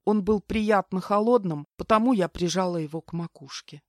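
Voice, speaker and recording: A woman's voice: mid-range voice, normal speed, no echo, studio quality. Wry woman narrating an audiobook. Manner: lively, wry storytelling. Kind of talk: first-person audiobook narration.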